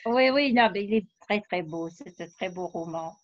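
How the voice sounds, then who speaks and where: A woman's voice: lowish voice, expressive, moderate pace, no room sound. A woman researcher and novelist, interviewed, explaining her ideas at length with frequent hesitations. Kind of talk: conversational interview. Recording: dull lo-fi dry sound.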